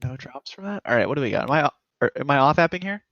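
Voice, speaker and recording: A man running quick, teasing quips during an online game. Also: fairly high pitch, expressive, fairly bright tone, no room sound, highs cut off. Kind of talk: casual game chat.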